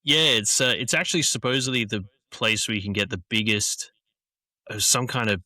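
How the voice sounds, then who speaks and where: A man, co-hosting a casual podcast in a relaxed, halting way. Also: on the low side, no echo. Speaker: co-host.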